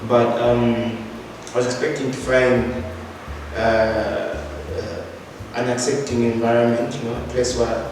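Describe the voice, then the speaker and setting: A late-teen student from Zambia who speaks thoughtfully and pauses often as he gathers his words. He sounds far from the mic in a big echoing hall, with music behind him. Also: mid-range voice, level tone. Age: late teens. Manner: thoughtful, hesitant with many pauses. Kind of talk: casual Q&A chat.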